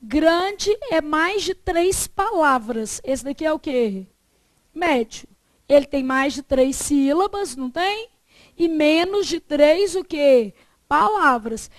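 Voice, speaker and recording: High-voiced woman teaching grammar. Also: slow pace, no room sound. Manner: lively, asks the class questions and answers them herself. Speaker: Portuguese teacher. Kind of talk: grammar lesson at a board.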